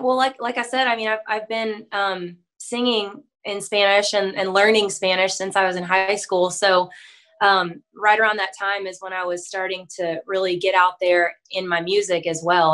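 Over a video call on her webcam, a young Texan country singer talks from home with a podcast host in a casual, friendly interview full of fillers. Her mid-range voice is fairly bright with little pitch movement, she speaks at normal speed, and the audio quality is poor.

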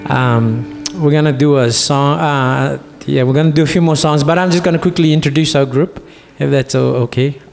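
High-voiced man leading church worship. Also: normal speed, creaky, few pauses. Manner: relaxed, chatty introductions between songs. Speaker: worship leader. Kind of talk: church worship, singing and announcing. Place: church sanctuary stage. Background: live band with guitar.

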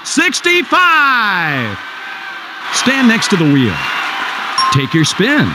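A man announcing a game show from a script, with an energetic, showy delivery. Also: fairly high pitch, unhurried, background noise. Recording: loud music behind the voice. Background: loud game show music.

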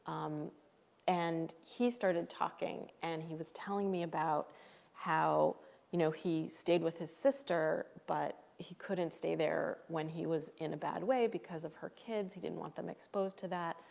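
A woman's voice: low-pitched, steady tone, unhurried, gravelly, a little mellow, big-room sound. A woman author in a live interview, telling a personal story in a thoughtful, candid and emotional way. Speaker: author guest. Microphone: live stream setup.

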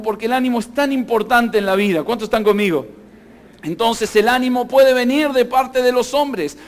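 A man preaching a sermon, emphatic and constantly asking the congregation questions. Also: very high voice. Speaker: pastor.

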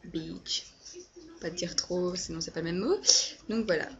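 A woman's voice: fairly low pitch, a little fast, darkish tone. Hesitant young woman reviewing makeup. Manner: hesitant, many fillers and self-corrections. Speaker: beauty vlogger. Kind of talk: casual product review. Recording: dull lo-fi home webcam audio.

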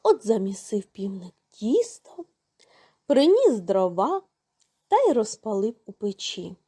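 A woman narrating a fairy tale for children in a slow, sing-song storytelling manner. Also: mid-range voice, very animated, warm tone, husky.

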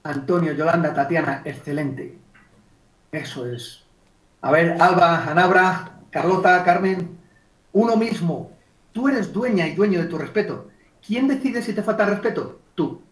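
Male trainer, high voice, lively and demonstrative, recorded from afar. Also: measured pace. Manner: lively, acts out client dialogues, addresses chat participants by name. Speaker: communication trainer. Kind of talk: online workshop talk. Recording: echoey room, distant mic.

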